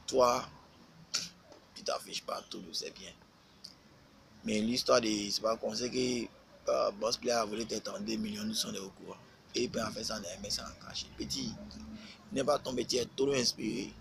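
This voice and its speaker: Gravelly man lecturing on a live stream. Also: on the low side, pushed and bright, slight background noise, low-quality recording. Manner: lecturing, repetitive, scolding. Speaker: rapper. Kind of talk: casual live-stream rant.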